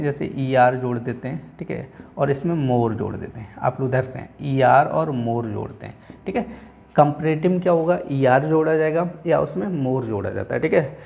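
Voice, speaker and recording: A man teaching English grammar in a Hindi-language class, with an Indian accent, who keeps repeating "theek hai" and slows down to read example sentences word by word. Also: fairly high pitch, creaky, a little mellow. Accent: Indian English, Hindi-speaking. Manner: repeats "theek hai" and "aap log dhyan rakhen" often.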